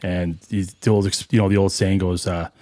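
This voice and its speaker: Man, deep voice, dry close sound, reflective, halting, podcast guest. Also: level tone, mellow, no room sound. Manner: reflective, halting, many fillers and restarts. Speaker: podcast guest, firefighter and junior hockey coach. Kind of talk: casual interview talk.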